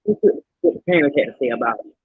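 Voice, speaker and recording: A man's voice: mid-range voice, huge pitch swings, rapid-fire, creaky, slightly rough, no echo. Man on muffled, dropping stream audio. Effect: muffled stream audio cutting in and out. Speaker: stream co-host. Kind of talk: casual reaction chat. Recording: muffled lo-fi online call audio.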